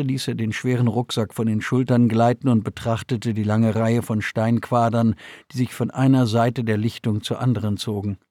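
A man narrating an audiobook chapter in a steady, measured reading. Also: medium pitch, dry recording, studio quality. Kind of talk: scripted narration.

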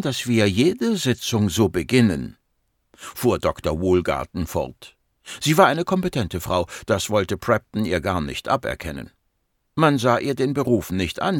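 A man narrating an audiobook in an expressive storytelling manner. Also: on the low side, no echo, clean studio sound.

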